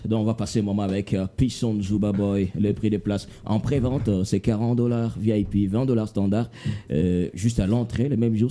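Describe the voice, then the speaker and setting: A man's voice: on the low side, warm tone. A man presenting as a co-host, informal and a little hesitant, in a conversational announcing style.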